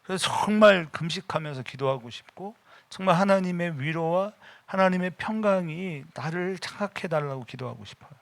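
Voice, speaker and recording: A middle-aged man preaching an afternoon sermon as senior pastor in a church. He speaks personally and emphatically, moving between casual talk and sudden loud bursts of prayer. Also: high voice, animated, moderate pace, creaky. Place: church sanctuary.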